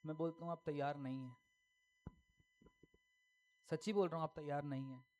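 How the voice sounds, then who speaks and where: A man's voice: fairly high pitch, steady tone, moderate pace, darkish tone. A male pastor preaching a sermon emphatically, firing rhetorical questions and repeating key lines.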